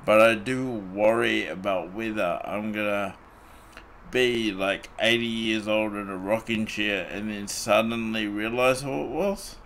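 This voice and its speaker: Slow, rambling male podcast host. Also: lowish voice, steady tone, a bit bright, a little hiss or hum. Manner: rambling, many "like" fillers and restarts. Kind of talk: casual podcast chat. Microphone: desktop mic on a voice call.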